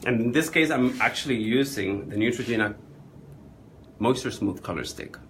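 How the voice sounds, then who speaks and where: A man's voice: mid-range voice, moderate pace, a little hiss or hum. A man working as a makeup artist, chatting through an on-camera makeup demonstration and often asking questions. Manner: animated, chatty, asks the viewer questions.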